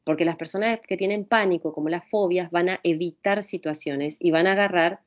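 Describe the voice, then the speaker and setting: A woman with a Rioplatense Spanish accent giving an informal pharmacology lecture. She talks conversationally, repeats calming phrases and often asks rhetorical questions. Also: lowish voice, fairly quick, muffled recording.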